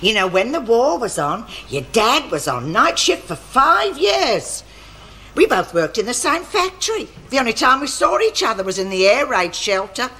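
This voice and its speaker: A woman's voice: on the high side, big pitch swings, normal speed, bright, forceful tone. An actress playing a fussy, placating middle-aged mother in a 1970s TV sitcom. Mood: fussing. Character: fussing, soothing middle-aged mum.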